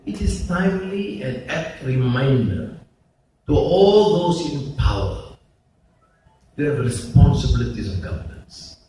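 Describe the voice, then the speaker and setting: A man gives a slow, emphatic conference speech full of pauses. His voice carries through a very reverberant hall and is caught from a distance. A faint hum of noise runs under it. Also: medium pitch, lively intonation. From Malaysia. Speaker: conference speaker, politician. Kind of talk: public speech.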